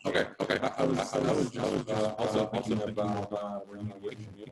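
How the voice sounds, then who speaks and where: A man on a video call whose audio keeps breaking up, halting and apologetic as he checks whether he can be heard. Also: lowish voice, completely flat delivery, gravelly. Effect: call audio breaking up and dropping out. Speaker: call participant. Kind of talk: casual chat. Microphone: video call mic with echo. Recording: static-filled breaking-up call line.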